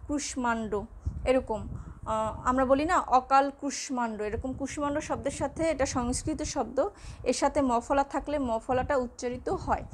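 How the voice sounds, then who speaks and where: High-voiced woman teaching pronunciation. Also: steady tone, slight background noise. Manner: slow, patient, spells out letters one by one. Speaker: Bengali lecturer. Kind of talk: classroom lecture.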